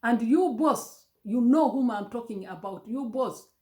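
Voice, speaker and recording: A woman with a Kenyan accent pours out emotional commentary, her voice sitting somewhat high. She pleads and stammers, restarting her words as she presses her case. The room around her rings with a noticeable echo. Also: expressive, measured pace, a little mellow. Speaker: vlogger. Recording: roomy echo.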